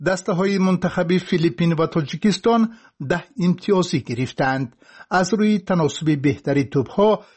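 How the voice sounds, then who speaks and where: A man reading scripted sports news in a formal, measured way. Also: on the high side, slightly rough. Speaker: newsreader.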